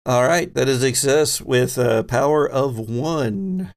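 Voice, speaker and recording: Guiding his players with questions, this man hosts and runs a tabletop roleplaying game as game master and podcast host. He speaks conversationally at a measured pace, his mid-range voice gravelly and animated.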